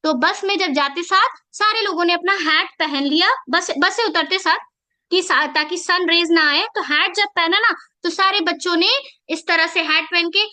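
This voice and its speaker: High bright-voiced woman teacher. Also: normal speed. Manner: chanting syllables in singsong rhymes; explaining with frequent "theek hai" checks. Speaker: Quran teacher. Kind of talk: teacher training workshop lesson.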